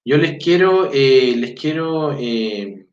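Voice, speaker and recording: Animated yet slow, a medium-pitched man from Chile chats casually while teaching his language, reading greetings and checking in with his audience using frequent "¿ya?" and fillers. He's an adult with a four-year-old daughter. The lo-fi recording sounds distant, roomy and dull.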